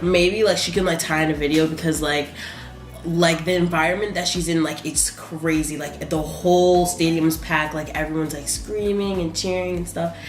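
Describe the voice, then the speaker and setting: A young woman chatting casually over breakfast with a friend, rambling and filling every pause with "like". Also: low voice, fairly even intonation, reverberant, faint music behind. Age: young adult. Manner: rambling, heavy use of "like". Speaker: co-host. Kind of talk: casual chat while eating.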